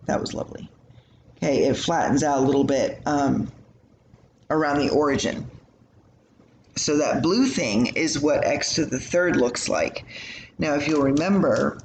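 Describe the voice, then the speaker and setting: A man's voice: a little high, creaky. A man teaching a recorded math lesson, explaining in a casual, chatty way with lots of fillers. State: yawning, tired. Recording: echoey room with faint hum.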